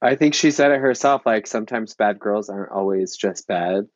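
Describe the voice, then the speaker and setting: A man's voice: on the low side, moderate pace, dry recording, muffled recording. A man on a podcast panel giving opinions in a chatty style full of "like". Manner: chatty, heavy use of "like". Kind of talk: casual film discussion.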